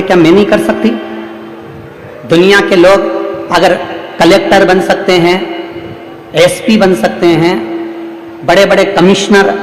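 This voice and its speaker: A man preaching a devotional sermon to a large gathering, with repetitive, rhythmic, emphatic phrasing. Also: sits high. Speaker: preacher telling a religious discourse. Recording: echoey hall with long reverb.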